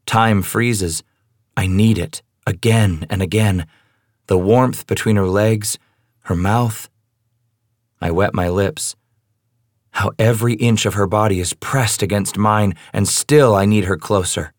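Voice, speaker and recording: Young male narrator, low and intimate, brooding first-person read, dry close sound. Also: slow pace, no echo. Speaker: audiobook narrator.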